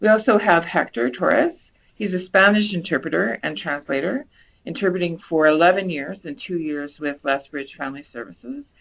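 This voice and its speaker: Creaky-voiced woman hosting, muffled audio. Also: fairly low pitch, lively intonation, normal speed, fairly bright tone. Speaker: host introducing speakers. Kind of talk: informal event introduction. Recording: dull, muffled online meeting audio.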